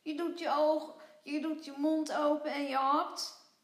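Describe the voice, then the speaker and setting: A woman reading a children's storybook aloud, voicing a small playful mischievous male creature in a high squeaky voice. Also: level tone, measured pace. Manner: cheeky, bouncy, high squeaky voice. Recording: echoey room.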